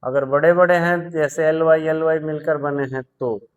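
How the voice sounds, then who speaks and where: A man teaching English grammar in a patient lesson, repeating words, spelling them out and telling students to pause and take notes. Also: a little high, fairly even intonation, clear, resonant tone, low-quality recording. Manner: tells students to pause the video and write notes. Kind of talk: slow explanatory grammar lesson.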